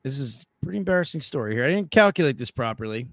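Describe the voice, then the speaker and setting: A man's voice: medium pitch, fast talker, no room sound, clean studio sound. A man telling an embarrassing story in casual chat, full of fillers, restarts and acted-out voices. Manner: animated, acts out voices, many fillers and restarts. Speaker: podcast guest telling a story.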